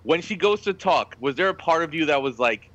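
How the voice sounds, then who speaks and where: A man co-hosting a casual wrestling podcast, eager and excitable as he chimes in. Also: on the high side, brisk, dry recording. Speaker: podcast co-host. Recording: dull lo-fi audio.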